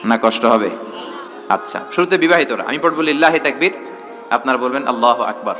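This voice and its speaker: A man's voice: medium pitch, expressive, fairly quick, music in the background. A man preaching a sermon to a large gathering in a tent, throwing rhetorical questions at the crowd and calling for responses.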